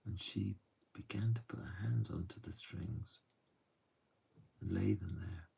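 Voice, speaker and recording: A man telling a true story softly and gently, often dropping to a hush. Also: on the low side, steady tone, distant mic. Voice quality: gravelly and husky. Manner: soft, unhurried, often drops to a hush.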